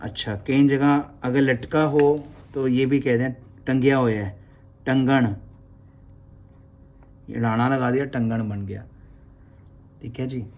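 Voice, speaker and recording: A man gives a gentle, unhurried script lesson. He takes his time, repeating and drawing out the sounds of the letters. He addresses his listeners respectfully throughout. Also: medium pitch, fairly even intonation. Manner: slow, patient, drawn-out letter sounds, calls listeners sangat ji. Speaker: Gurmukhi teacher. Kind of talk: slow classroom explanation with prayer.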